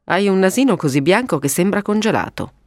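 A woman voicing a sensible, kindly middle-aged father who talks briskly and gives orders in a read-aloud story. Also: medium pitch, very animated, no echo, clean studio sound. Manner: brisk, commonsense, bossy.

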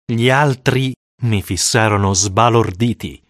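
A man narrating a first-person story for an audiobook, with dramatic, expressive storytelling. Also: lowish voice, takes it slowly, no room sound, clean studio sound.

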